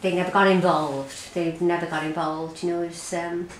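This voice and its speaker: An Irish woman recounting her own experience in an interview, halting and repeating herself as she speaks. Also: fairly low pitch, level tone. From Ireland. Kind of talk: personal testimony in an interview. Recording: roomy echo, faint background noise.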